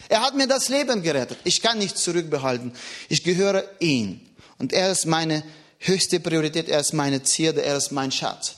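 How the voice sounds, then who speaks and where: A man preaching a sermon in an earnest, emphatic way, with a foreign accent. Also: a bit bright. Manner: earnest, emphatic, rises and drops in pitch.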